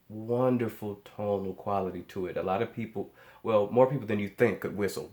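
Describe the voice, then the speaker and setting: In an echoey room, a man who runs a music reaction channel reacts spontaneously in a lowish, warm voice. His tone is full of amazement, and he keeps repeating words and phrases for emphasis.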